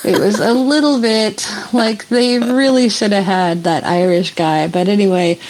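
A woman from Canada speaks as a guest, her voice a little husky and breathy at mid pitch. She tells her story in a loose, chatty way, full of fillers and quick laughs. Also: low-quality recording. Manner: animated, laughs often, many fillers and restarts. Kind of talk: casual storytelling in an interview.

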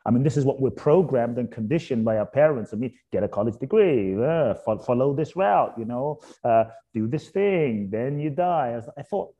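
A man's voice: mid-range voice, expressive, normal speed, hardly any pauses, dark tone. A man, a guest author and speaker telling his story in a reflective way, with emphatic questions. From England. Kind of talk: interview storytelling.

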